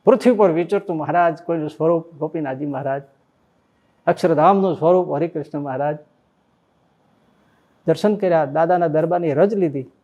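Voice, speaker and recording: Monk preaching, tells devotional stories, voice a bit on the high side, gets animated and emotional. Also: male voice, brisk, pauses often, dull audio. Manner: animated storytelling with emotional exclamations. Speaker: swami preaching. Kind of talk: devotional sermon with storytelling.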